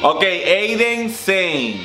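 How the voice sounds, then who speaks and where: Man, bawdy drag commentary, unhurried, echoey room, music behind. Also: big pitch swings. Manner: playful, bawdy, laughs often, slides between high squeals and low purrs. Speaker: drag queen YouTuber reacting to a video. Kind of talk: casual reaction commentary.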